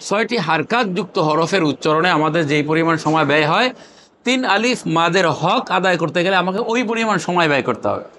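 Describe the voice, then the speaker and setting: A man's voice: sits high, lively intonation, fast talker, pushed and bright, a little hiss or hum. A man teaching Quran recitation, quizzing the class and having them repeat Arabic letter names after him. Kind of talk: classroom lesson with call-and-response drills.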